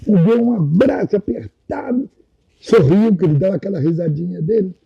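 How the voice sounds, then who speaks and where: A man's voice: high-pitched, normal speed, gravelly, breathy edge, muffled recording. A man, telling old stories as a podcast guest and often addressing the host by name. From Minas Gerais, Brazil. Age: 80s. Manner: animated anecdotal storytelling, repeatedly addressing the host by name. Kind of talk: casual storytelling chat.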